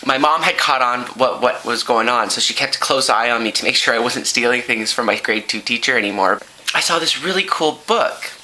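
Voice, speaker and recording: Animated, bright young man telling a story. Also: mid-range voice, a little fast, poor audio. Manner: animated, dramatic, self-mocking. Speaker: vlogger. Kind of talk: comedic storytelling.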